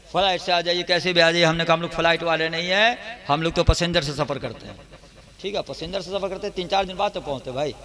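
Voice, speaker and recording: High, bright-voiced male preacher. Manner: chants verses in a high, loud, drawn-out voice, then tells anecdotes conversationally. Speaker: Islamic preacher. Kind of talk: sermon with storytelling. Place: religious gathering.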